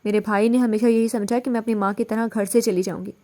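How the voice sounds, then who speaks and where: A woman's voice: medium pitch, fairly even intonation, mellow, close to an everyday voice. A woman reading the part of a distraught young wife who pleads insistently. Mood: tearful.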